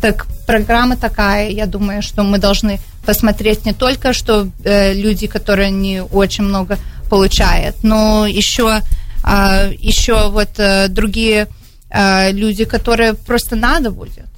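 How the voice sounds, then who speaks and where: A woman with an American accent, a native English speaker, answers radio interview questions as a city council candidate. Her medium-pitched voice is fairly even and a little slow, and she sounds hesitant, searching for Russian words and using many fillers, recorded on a studio microphone.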